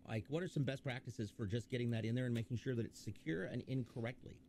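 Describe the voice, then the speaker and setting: A man's voice: mid-range voice, fast talker, dark tone, a little hiss or hum. A man hosting a livestream PC build, chatty and joking while reading viewer questions aloud. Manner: chatty, jokey, reads viewer chat aloud. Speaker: livestream host. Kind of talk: casual livestream chat.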